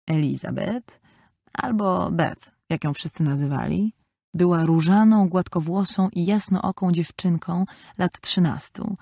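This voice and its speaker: A woman narrating a classic novel in a measured, expressive storytelling manner. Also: fairly low pitch, gravelly, no echo, clean studio sound. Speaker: audiobook narrator. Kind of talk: scripted narration.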